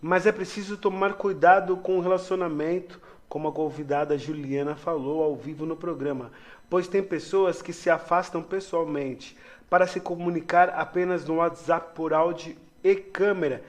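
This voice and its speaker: Man co-hosting a radio show, friendly, fairly high voice. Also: fairly even intonation, normal speed. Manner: friendly, conversational, reads listener messages. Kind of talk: casual radio chat.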